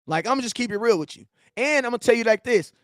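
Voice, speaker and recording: A man, reading and answering viewer chat in a slangy, animated sports rant. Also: extremely high pitch, fast talker, no room sound, studio quality. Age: 40s. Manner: animated, slangy trash talk, shouts at chat. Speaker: sports fan streamer.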